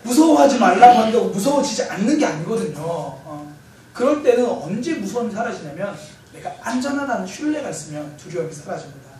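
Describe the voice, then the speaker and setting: Male pastor, sermon, lively up-and-down delivery, booming reverberant church, distant mic. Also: fairly quick. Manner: lively storytelling with self-corrections and light humor. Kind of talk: Sunday sermon. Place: church sanctuary. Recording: very echoey church hall, mic far off, faint hiss.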